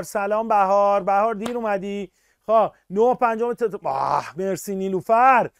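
Male online physics tutor, high smooth voice, dry close mic, energetic and encouraging. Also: no room sound. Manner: energetic, urging students on, praising often. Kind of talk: live online class lecture.

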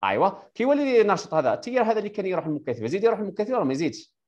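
A man's voice: sits high, sing-song, darkish tone, highs cut off. A man with an Algerian Arabic accent teaches electronics over a video call at a breakneck clip. His voice leaps up and down as he fires one question after another at his student. He confirms each answer before moving on. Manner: quizzes the student with rapid-fire questions and confirms her answers. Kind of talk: live online tutoring lesson.

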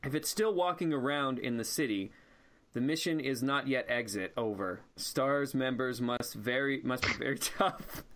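A man's voice: mid-range voice, normal speed, fairly bright tone. A man hosting a let's play, giving casual gameplay commentary, often laughing and reading game text aloud.

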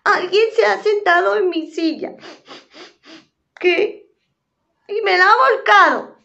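A tiny, playful bear cub pipes up in a high, childlike squeak, as a woman puts him on. He sounds small and eager, a storybook character. The recording is dull and slightly lo-fi. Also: slow, vocal fry, bright, forceful tone, exaggerated voice. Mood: upset.

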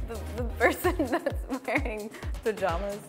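A woman in her twenties from the United States, chatting casually on a dating show and laughing often. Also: fairly high pitch. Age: 20s. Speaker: blind-date contestant. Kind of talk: casual chat. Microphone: lapel mic.

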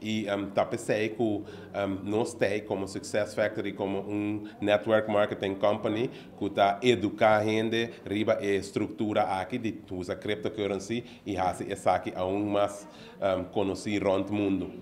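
A middle-aged man who owns a business is interviewed for the news at an opening event in an indoor office, speaking earnestly into a handheld reporter mic held close. His voice sits on the low side, with a level tone, moderate pace and a darkish quality. He explains step by step, using many fillers.

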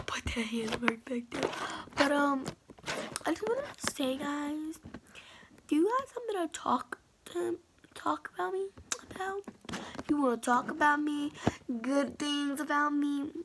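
A woman's voice: high-pitched, creaky, noisy background. A young woman vlogging casually on a phone at home, boastful and rambling with sass. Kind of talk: casual vlog chat.

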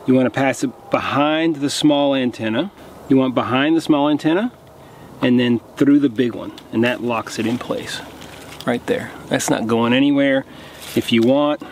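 A man's voice: medium pitch, slight background noise. A man in his thirties casually explaining and demonstrating hammock camping gear outdoors in a forest, recorded on a camera mic. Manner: relaxed, hands-on explaining while demonstrating gear.

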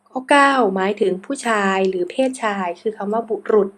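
A woman's voice: fairly high pitch, brisk. A woman teacher reading out exercise answers item by item, spelling out how each word is pronounced.

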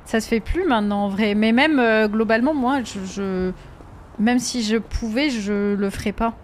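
During a live gameplay stream, a woman with a fairly high voice talks at normal speed, responding to viewers' messages and now and then slipping into English with a French accent. A little hiss or hum runs underneath.

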